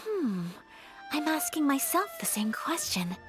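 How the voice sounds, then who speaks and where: A woman voicing a graceful, polite young noblewoman in a video game, soft-spoken and formal. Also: sits high, sing-song, a little slow. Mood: puzzled. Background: game music.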